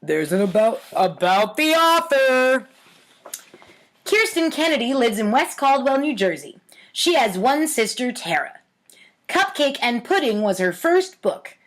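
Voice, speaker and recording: A woman with a slightly high, very animated voice reads at a measured pace, hosting a storytime series where she shares her own childhood writing. Her reading is tongue-in-cheek, sprinkled with casual asides.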